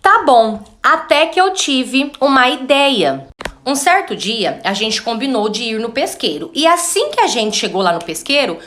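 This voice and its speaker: A woman reading a personal story aloud in a calm, even way. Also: fairly high pitch, measured pace. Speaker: story narrator. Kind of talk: read narration.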